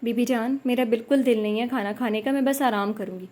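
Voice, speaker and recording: A woman's voice: on the high side, steady tone, darkish tone, close to an everyday voice. A woman voicing a frightened young woman in an audio novel, speaking hesitantly with stammers. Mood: timid.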